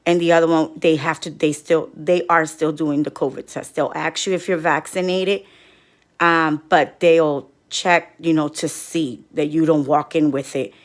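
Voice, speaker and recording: A middle-aged woman vlogger telling viewers a story in a casual, animated way, acting out what others said. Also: low voice, measured pace. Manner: rambling with many restarts. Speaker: couponing vlogger. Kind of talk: casual personal update to viewers.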